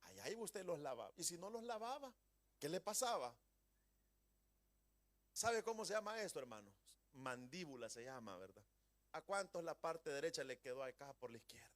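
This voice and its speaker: High-voiced man preaching emphatically. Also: big pitch swings, moderate pace. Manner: emphatic preaching with rhetorical questions to the congregation; folksy humor. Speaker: pastor. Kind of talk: Pentecostal sermon. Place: church.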